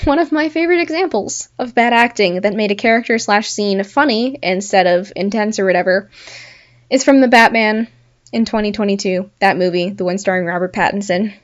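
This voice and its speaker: A woman's voice: mid-range voice, a little fast, lo-fi sound. A young woman hosting a casual solo talk show, chatting and laughing at her own examples. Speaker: podcast host.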